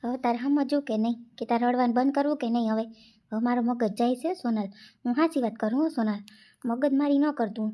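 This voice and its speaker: A woman's voice: fairly high pitch, warm tone, natural voice. A woman playing a hot-tempered grown son who rants in an exasperated way. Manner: exasperated, fast ranting.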